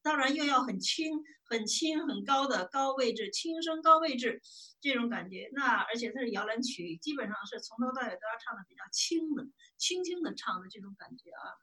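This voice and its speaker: A woman's voice: a little high, lively intonation, a little fast, sharp tone. A woman giving a casual spoken music lesson. She hesitates with many fillers and restarts, and hums short bits of melody. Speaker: music appreciation presenter.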